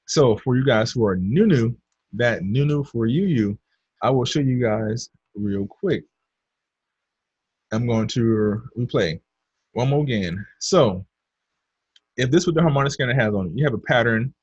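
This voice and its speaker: A man leads a casual trading lesson over a screen share and keeps calling his viewers "you guys" as he explains. His voice is a little husky and sits at an ordinary pitch. The recording sounds dull and dry, like a basic computer mic at a desk. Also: measured pace, pauses often, a little mellow, no room sound. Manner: chatty, addresses viewers as "you guys", talks to himself while drawing. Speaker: trading instructor.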